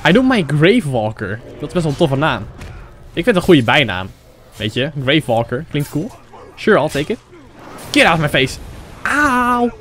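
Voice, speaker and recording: A young Dutch man giving excitable let's-play commentary, swearing and shouting at the game. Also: a little high. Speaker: gaming YouTuber. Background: game music.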